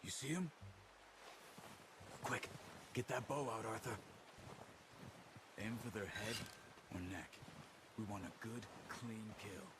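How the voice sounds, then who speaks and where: In a video game cutscene, an actor with a lowish male voice plays a calm, watchful, pragmatic outlaw hunter. He speaks in a measured, matter-of-fact way, hushed and instructive, with background noise present.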